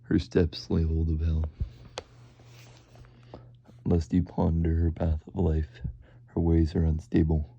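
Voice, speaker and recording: A man reading scripture aloud in a deadpan monotone, halting and sometimes stumbling over his words. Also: a bass voice, creaky, slightly rough, muffled recording. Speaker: reader.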